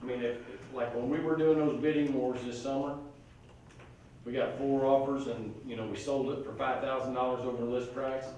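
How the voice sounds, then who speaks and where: Guy running a training class, chatty folksy stories, boomy echo, far from the mic. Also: fairly even intonation, moderate pace, darkish tone, muffled recording, slight background noise. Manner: folksy, conversational, tells anecdotes. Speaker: real estate trainer. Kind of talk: casual classroom training talk. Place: training room. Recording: echoey room, mic far off.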